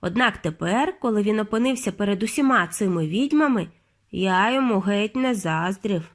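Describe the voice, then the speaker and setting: A woman's voice: medium pitch, normal speed. A woman narrating a children's audiobook at bedtime, reading expressively. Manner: expressive, lively storytelling. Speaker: audiobook reader.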